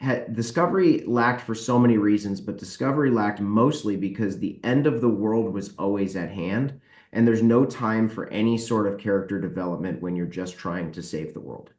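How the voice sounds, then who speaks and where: A book publisher and author appears as a podcast guest, chatting casually and candidly on a panel and giving emphatic opinions. He has a lowish, darkish voice at a moderate pace, and the recording sounds roomy and echoey.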